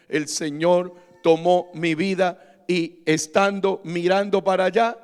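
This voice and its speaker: In a big, echoing church hall, a pastor with a smooth, high-pitched voice delivers a fervent Bible-study sermon to his congregation. He exhorts them emphatically and keeps putting questions to them again and again.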